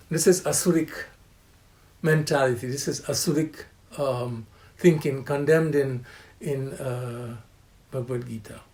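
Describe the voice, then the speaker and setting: Slow, deliberate older male professor. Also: medium pitch. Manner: slow, deliberate, repeats key phrases, chants Sanskrit verses; occasional soft laughs, asks rhetorical questions. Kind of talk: spoken lecture on scripture.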